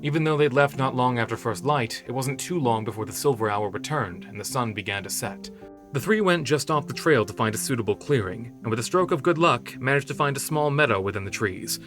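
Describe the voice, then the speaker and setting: Over soft background music, a man with a mid-range voice narrates a fantasy story in a steady, measured storytelling style.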